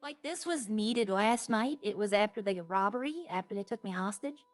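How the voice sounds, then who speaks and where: A woman's voice: medium pitch, lively intonation, normal speed, no room sound, faint music behind. A woman game streamer talking casually and informally to her viewers, rambling from one thing to the next.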